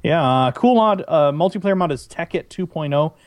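A man co-hosting a casual podcast, reading listener emails aloud in a halting way and often restarting his sentences. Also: fairly high pitch, animated, no echo. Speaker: podcast co-host.

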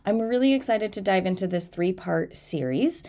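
A woman's voice: medium pitch, expressive, moderate pace, dark tone. Nasal, congested woman podcast host. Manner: informal, candid, self-deprecating. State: fighting off a head cold. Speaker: podcast host and fitness coach. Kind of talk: chatty solo podcast monologue.

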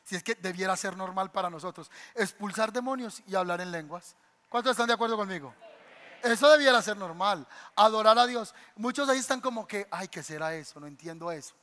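Bright high-voiced pastor preaching. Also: male voice, brisk, in a large hall. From Colombia. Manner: animated storytelling, acts out voices. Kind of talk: sermon. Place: church sanctuary.

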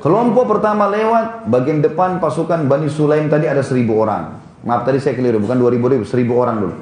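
A man's voice: medium pitch, fast, darkish tone, echoey room. A man preaching in a casual storytelling way, pointing out places on a drawing and correcting himself as he goes. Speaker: Islamic preacher. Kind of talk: storytelling religious lecture.

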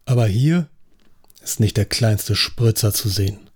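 A man's voice: on the low side, a little slow, darkish tone, husky, pitched below the performer's own voice. A man voicing a skeptical, experienced police inspector with a dry delivery. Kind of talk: audiobook acting.

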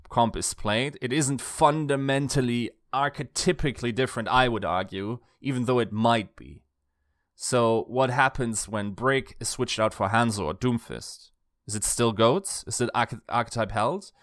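A man's voice: medium pitch, dry recording, studio quality. A man giving an analytical video essay, thinking aloud with rhetorical questions and frequent self-corrections. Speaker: esports analyst.

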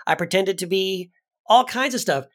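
A man co-hosting a podcast in casual conversation, animated, his voice jumping high for emphasis. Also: moderate pace. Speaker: podcast co-host.

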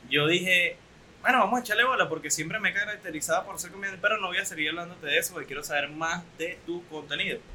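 Joking young Venezuelan podcast host. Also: male voice, sits high, fairly even intonation, fast, hardly any pauses, pushed and bright, poor audio. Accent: Venezuelan Spanish. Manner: joking, teasing, chatty. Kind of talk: casual podcast interview.

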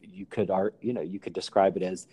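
Low, mellow sarcastic man. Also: little pitch movement, a little fast, slightly rough. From North Carolina. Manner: dry, sarcastic. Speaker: podcast co-host. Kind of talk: casual discussion.

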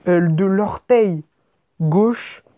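A woman's voice: mid-range voice, very slow, no room sound, dull audio. A woman telling an absurd comic story in the first person, in casual slang and with lots of rambling and restarts.

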